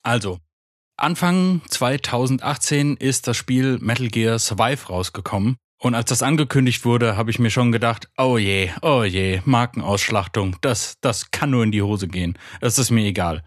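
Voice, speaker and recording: A man's voice: mid-range voice, moderate pace, no room sound, clean studio sound. A man from Frankfurt, a guest on a casual podcast, rambling enthusiastically and often interrupting himself. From Frankfurt, Germany.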